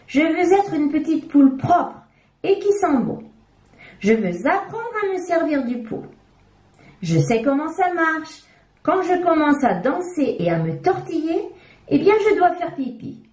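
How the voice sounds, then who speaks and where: An excitable little chick girl from a children's storybook, as a woman puts her on, with a high, eager childlike voice that swoops up and down. She talks in a slow, mellow way, heard in an echoey room.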